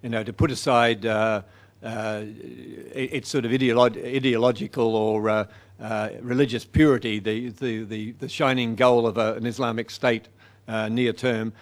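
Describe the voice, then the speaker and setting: A man answering audience questions after a lecture. He speaks in a halting, thoughtful way, pausing often and restarting his sentences. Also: mid-range voice, little pitch movement. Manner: hesitant, many fillers and restarts. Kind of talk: public talk Q&A.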